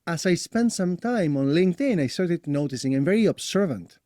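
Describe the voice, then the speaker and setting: A man in his forties from Argentina, a guest telling his career story in a lively, laughing way. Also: on the high side, brisk, dry recording, clean studio sound. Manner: animated storyteller, laughs often. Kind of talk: casual interview.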